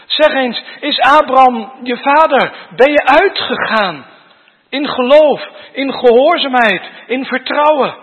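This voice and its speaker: A man delivers a sermon in an earnest, searching manner, speaking slowly and pointing each question at his listeners. His voice sits high and has a husky grain. The recording is dull and carries the long reverb of a church hall. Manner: earnest, probing rhetorical questions to the congregation. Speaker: preacher.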